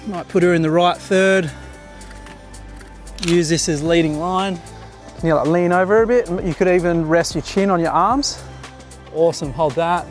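A fairly high-voiced photographer in his thirties speaks at a moderate pace, pausing often, on a beach jetty with soft music playing. He casually walks through his shots while guiding a model in behind-the-scenes commentary.

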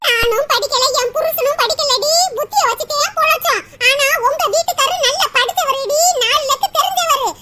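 A woman's voice: very high-pitched, moderate pace, hardly any pauses, sharp tone. A woman voicing an older village mother in a cartoon who lectures and scolds her daughter at length. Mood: lecturing. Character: chatty older village mother giving advice. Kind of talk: cartoon voice acting. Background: music.

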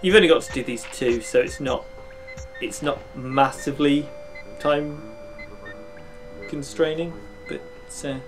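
A man in his thirties hosts a casual video game playthrough in a slightly high voice. He is animated and jokey, chatting at the characters on screen, with game music clearly audible behind him. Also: unhurried. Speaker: gaming video host.

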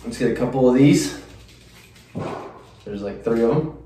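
Young guy hosting, chatty, normal pitch, super roomy sound. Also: normal speed, warm tone, a little hiss or hum. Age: young adult. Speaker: host of a spicy food challenge show. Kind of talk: casual on-camera presenting. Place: small indoor room, seated at table. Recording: echoey room, distant microphone.

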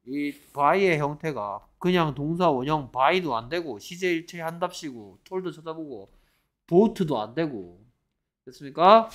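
A man's voice: on the high side, a bit bright. Korean man teaching English grammar. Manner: scolding, mock-exasperated asides to students; reads English example sentences slowly. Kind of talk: grammar lecture.

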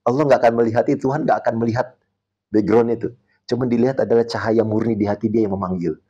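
A man's voice: medium pitch, steady tone, fast, warm tone, muffled recording. A man, a martial arts coach, talking on a podcast and telling a story, acting out the people he quotes and dropping English words into his speech. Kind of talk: casual podcast talk.

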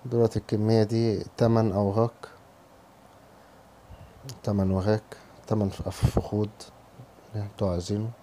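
Hoarse from a cold, a home cooking channel host with an Egyptian Arabic accent voices over a cooking tutorial, walking through a home recipe casually, step by step. His low voice is dark and mellow with little pitch movement, and he talks fast. Faint kitchen noise sits behind him.

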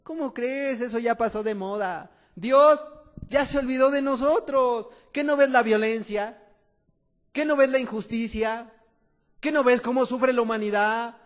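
A scornful scoffer, as a preacher with a Mexican accent puts him on, taunting loudly in a high, raised voice. He sounds mocking and dismissive. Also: unhurried. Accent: Mexican Spanish. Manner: loud, taunting.

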